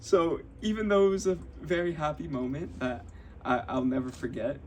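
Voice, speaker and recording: A young man hosting a podcast tells a personal story in an animated, fairly high voice at normal speed, candid and rambling with many restarts and acted-out quotes. His voice is slightly off-mic, with faint ambient noise.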